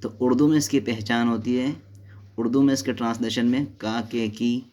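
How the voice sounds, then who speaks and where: A man's voice: mid-range voice, steady tone, mellow. A man teaching an Arabic grammar lesson, explaining step by step, asking and answering his own questions, mixing in English terms. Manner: mixes Hindi-Urdu with English and Arabic terms; reads English textbook notes slowly.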